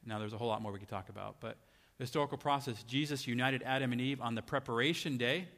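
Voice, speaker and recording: This sermon comes from a man speaking fast in a mid-range, slightly bright voice. His style is conversational, and he keeps asking the congregation rhetorical questions, all echoing with long hall reverb.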